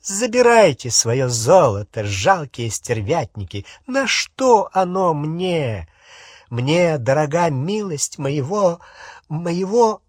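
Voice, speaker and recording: A shrieking, imperious dark witch, put on by a male narrator, pitched up high and drawn out slowly. Her lines hiss and snap with a husky grain. An audiobook performance. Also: sing-song, dry recording, clean studio sound, full character voice. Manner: shrieking, hissing. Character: shrill fanatical female dark witch, imperious.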